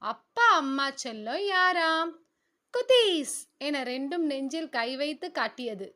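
A woman's voice: sits high, animated, a little slow, pushed and bright. A woman narrating a romance serial, acting out the characters' dialogue expressively. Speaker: story narrator. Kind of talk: storytelling narration with character voices.

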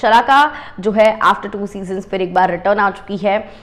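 A woman's voice: mid-range voice, unhurried. A young woman hosting an entertainment news segment, talking in a chatty way and slipping English phrases in between. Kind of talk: scripted entertainment news narration.

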